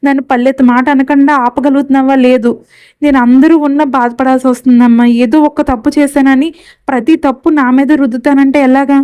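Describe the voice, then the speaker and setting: A woman's voice: high-pitched, steady tone, a little fast, dry recording, lightly acted. A woman doing an angry accusing young mother. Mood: hurt. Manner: sharp, accusing questions.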